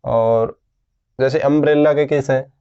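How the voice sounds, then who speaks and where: A man teaching a grammar lesson, explaining slowly and patiently and asking his students questions as he goes. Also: medium pitch, fairly even intonation, dark tone, clear, resonant tone, muffled recording.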